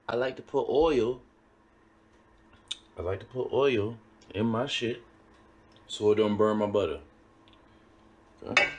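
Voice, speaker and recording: A steak sizzles in a pan on the stove as a man with a fairly low voice casually walks through cooking it in his home kitchen. The home cook vlogger is emphatic and says things more than once, and there's a little hiss or hum in the audio.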